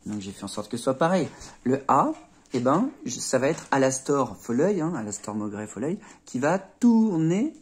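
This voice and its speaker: A man's voice: medium pitch, big pitch swings, moderate pace, slightly rough. A man teaching a puzzle-solving tutorial in a casual, chatty way, often checking in with the viewer and marking each move with little sounds like "hop" and "tac". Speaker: Rubik's cube tutor.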